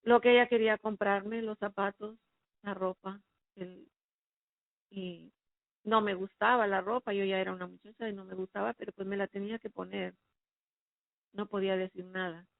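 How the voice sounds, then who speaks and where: A woman's voice: mid-range voice, little pitch movement, normal speed, vocal fry, long pauses, no echo. A woman giving a personal faith testimony, recounting her past in an earnest, emotional way. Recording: phone-like narrow sound, dry.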